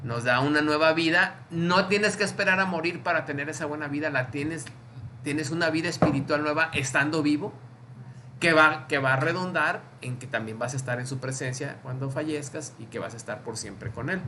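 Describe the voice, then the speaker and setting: A man's voice: on the high side, a little fast, pushed and bright, a little hiss or hum. A man with a Mexican accent leading an informal Bible study, explaining through little acted-out dialogues and often checking that he is understood. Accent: Mexican Spanish.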